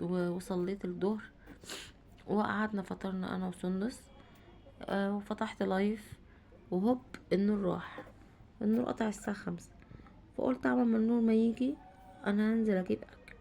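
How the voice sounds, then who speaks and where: A woman's voice: medium pitch, steady tone, a little fast, gravelly, pauses often, warm tone, a little hiss or hum. A woman in her thirties with an Egyptian Arabic accent, who has a cold, chatting casually through her cooking day and answering her own questions. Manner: chatty, asks herself questions and answers them. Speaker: home vlogger and mother. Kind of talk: casual cooking vlog narration.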